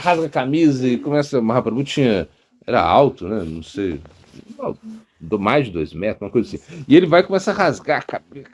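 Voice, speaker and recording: A man with a Brazilian Portuguese accent, a monk giving a storytelling religious talk, animated and acting out voices from the story with many fillers. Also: mid-range voice. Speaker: monk and spiritual teacher.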